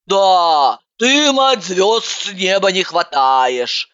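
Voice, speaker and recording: A woman voicing a loud, bossy woman who barks gruff orders in a booming bass voice. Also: animated, drawn-out words, highs cut off, heavily acted. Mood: barking.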